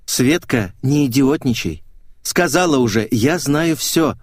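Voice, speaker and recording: A man's voice: mid-range voice, expressive, measured pace, dry recording, clean studio sound, voice pushed up. A male audiobook reader voicing a sly young woman who purrs and taunts. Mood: taunting. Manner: purring, taunting.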